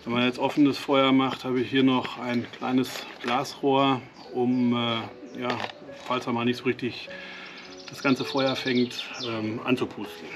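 At a camp stove outdoors, a man from Westphalia gives a casual cooking demonstration in a Westphalian German accent, with fillers and minor self-corrections. His medium-pitched delivery is flat and measured. Behind him are music and the sizzle of cooking.

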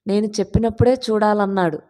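A woman reading as a calm old lawyer. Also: mid-range voice, quick pace, lightly acted. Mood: reassuring. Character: older male family lawyer, calm and reassuring.

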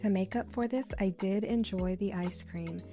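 A woman's voice: medium pitch, moderate pace, dark tone, faint music behind. A woman narrating a travel vlog voice-over in a chatty, informal way. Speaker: travel vlogger.

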